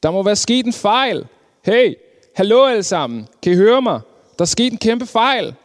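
A man voicing a desperate tree that became a small fishing boat, shouting out for help in a storybook. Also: sits high, very animated, voice pushed up. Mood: frantic. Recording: long hall reverb.

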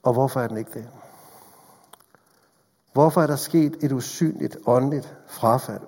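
A man preaching a sermon in a church, earnest and direct, swinging between fervent appeals and hushed, intimate passages. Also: medium pitch, husky. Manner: earnest, rises to fervent appeals then drops to hushed tones. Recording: long hall reverb.

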